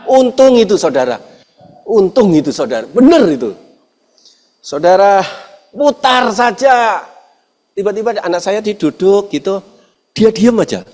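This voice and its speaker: A man preaching a storytelling sermon, speaking to the congregation and moving between lively and hushed delivery. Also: high-pitched, a little slow, pauses often. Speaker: pastor. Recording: long hall reverb.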